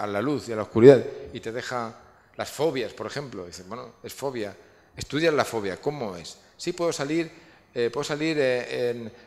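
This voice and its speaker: A man's voice: mid-range voice, a little mellow. A man giving a public lecture, rambling and restarting often as he explains his ideas. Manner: rambling, many restarts and fillers. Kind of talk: public lecture with audience questions. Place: large lecture hall. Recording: long hall reverb.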